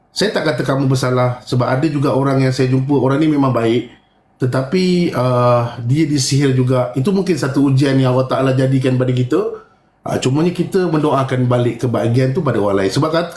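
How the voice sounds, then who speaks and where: A man's voice: medium pitch, a little mellow, reverberant. A man with a Malaysian Malay accent hosting a casual live stream, talking bluntly and firmly and mimicking others. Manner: blunt and self-described firm, mimics people. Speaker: live-stream host sharing experiences.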